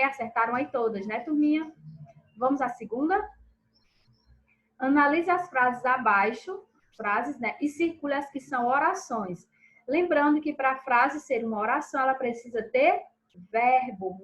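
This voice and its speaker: A woman teacher going through a recorded review lesson for pupils, checking in with them after each answer and stressing syllables slowly and clearly. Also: sits high, expressive, a bit bright, poor audio.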